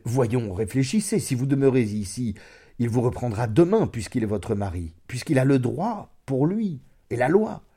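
Earnest young lover in a storybook, pressing and insistent, dark husky tone, read by a man. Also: mid-range voice, animated, moderate pace. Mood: urgent. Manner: urgent, persuasive, rising insistence. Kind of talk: dramatic audiobook reading.

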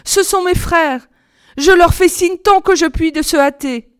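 A woman voicing a young sister who calls down her reports from a tower in a raised, high voice. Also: unhurried, no room sound, studio quality. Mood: calling out. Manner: high, calling out.

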